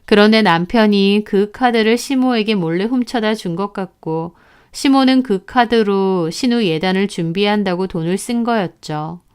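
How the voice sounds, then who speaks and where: A woman's voice: medium pitch, normal speed, clean tone. A woman narrating a first-person story in an aggrieved, recounting manner.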